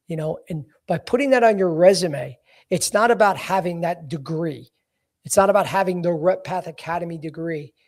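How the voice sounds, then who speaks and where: A man in his forties with a notably high voice, hosting a casual career-advice podcast. He talks bluntly and emphatically and keeps it real, with frequent "you know" fillers. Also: darkish tone. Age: 40s. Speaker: podcast host, career coach.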